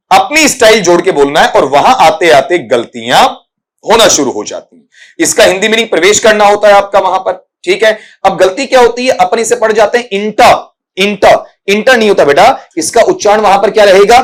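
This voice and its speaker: Hindi-speaking male English tutor, fairly high voice. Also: a bit bright. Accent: Indian. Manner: explains step by step, often addresses students as "beta". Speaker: English teacher. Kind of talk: exam-prep pronunciation lesson.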